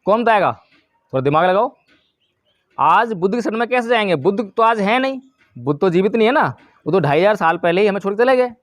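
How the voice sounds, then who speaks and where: A man's voice: high voice, expressive, fast talker, long pauses, no echo, clean studio sound. A man giving a Buddhist dhamma talk to a village gathering, asking his listeners questions and then answering them himself. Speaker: Buddhist preacher.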